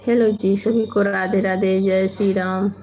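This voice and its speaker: A woman hosting a casual late-night live stream from home, chatting unhurriedly with viewers, reading out their comments and gently scolding them. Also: mid-range voice, flat delivery, a little slow, slight background noise.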